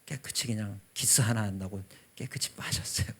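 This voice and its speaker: A man in his fifties, a pastor, telling a personal testimony in a revival sermon with a husky voice, swinging from loud to hushed. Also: on the low side, fairly even intonation, brisk. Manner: emotional storytelling, voice rising and dropping sharply.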